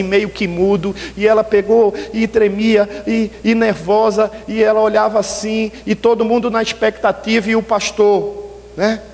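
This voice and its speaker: High-voiced Brazilian preacher in a reverberant church. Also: male voice. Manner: lively storytelling, often addresses the listeners as brethren. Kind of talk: storytelling sermon. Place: church sanctuary.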